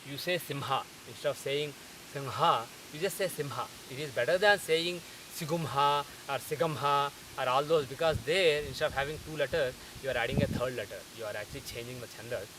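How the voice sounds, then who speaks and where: A man teaching a lesson, explaining carefully and slowing down to sound out example words. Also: medium pitch, a bit bright, slight background noise, low-quality recording.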